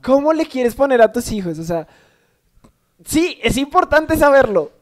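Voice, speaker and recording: A woman's voice: high-pitched, big pitch swings, unhurried. A woman co-hosting a podcast, chatting casually and giving dating advice. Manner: chatty, laughs easily, gives advice. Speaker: podcast co-host. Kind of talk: casual chat.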